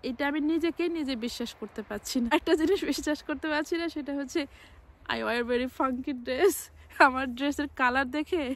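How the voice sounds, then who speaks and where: Chatty high-voiced woman vlogging outdoors. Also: fairly bright tone. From Bangladesh. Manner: chatty, restarts and repeats words. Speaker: travel vlogger. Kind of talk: casual vlog talk to camera. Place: clifftop outdoors by the sea.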